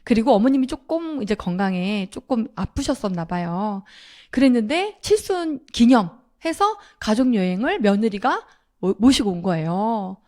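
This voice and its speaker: A middle-aged woman with a somewhat high voice tells a personal story to a seminar audience. She is animated and acts out the lines she quotes. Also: normal speed. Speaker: speaker at a sales seminar.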